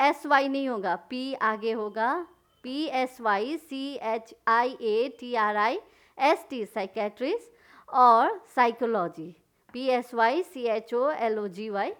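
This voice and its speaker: Slow-paced woman teacher. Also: fairly high pitch. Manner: spells words letter by letter and asks then answers her own questions. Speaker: English teacher. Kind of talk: slow explanatory lesson.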